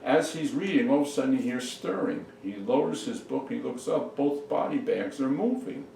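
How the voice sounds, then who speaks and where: A man's voice: mid-range voice, animated, moderate pace, creaky, dark tone. Guy telling a joke, far from the mic, echoey room, a bit of hiss. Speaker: joke teller. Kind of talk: storytelling a joke.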